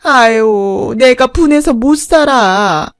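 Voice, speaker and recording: A woman voicing a brazen old stepmother-in-law who talks loud, whining and accusing. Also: fairly high pitch, animated, normal speed, no room sound, studio quality, natural voice. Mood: wailing.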